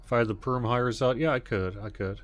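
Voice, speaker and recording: A man's voice: medium pitch, normal speed. A man hosting a gaming livestream, chatting casually and thinking aloud in an easygoing way as he answers viewers. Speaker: livestream host playing a game.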